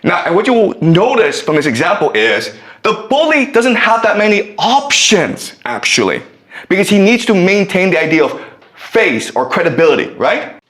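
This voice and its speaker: A man's voice: high voice, normal speed, reverberant. A male professor giving a classroom lecture, telling a story and checking in with his students. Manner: animated, checks in with "okay?".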